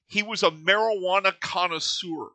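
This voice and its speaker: An easygoing man hosts a podcast, teasing his guest and chatting freely. His voice is very bright and sharp, a little higher than most men's. The recording is dry and close. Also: normal speed, dry recording. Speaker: podcast host. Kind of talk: casual podcast chat.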